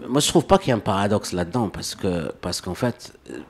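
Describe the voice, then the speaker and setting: Low-voiced hesitant man from Morocco. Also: expressive, fairly quick, gravelly, husky. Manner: hesitant, repeats words while searching for phrasing. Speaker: interview guest, author. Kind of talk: casual interview conversation.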